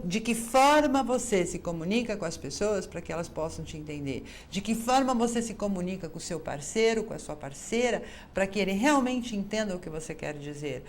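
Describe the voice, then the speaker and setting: A woman's voice: medium pitch, slight background noise. A woman with a Brazilian Portuguese accent hosting an advice show as a psychologist, talking straight to viewers and acting out the quoted lines herself. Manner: lively, acts out quoted dialogue. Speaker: psychologist host.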